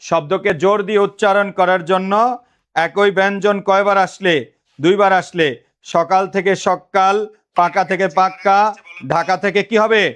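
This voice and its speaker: High-voiced man teaching, call-and-response. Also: fairly even intonation, fairly bright tone, clear, resonant tone. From Bangladesh. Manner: repetitive call-and-response questioning; dictates notes slowly, repeating phrases. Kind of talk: online class lecture.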